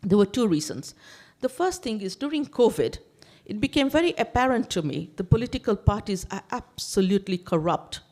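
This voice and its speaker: A woman's voice: mid-range voice, sing-song, fairly quick, darkish tone. A woman who grew up in Tanzania, an election candidate giving an emphatic campaign speech to a seniors' gathering in a community hall, stacking up lists and repeating words to stress her points.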